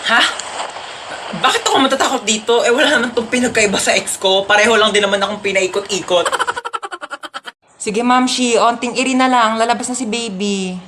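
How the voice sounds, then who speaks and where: A woman performing comic skits, playful and swinging between soft asides and loud outbursts. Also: fairly high pitch, moderate pace, noisy background. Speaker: comedy skit creator. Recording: music playing behind. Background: music.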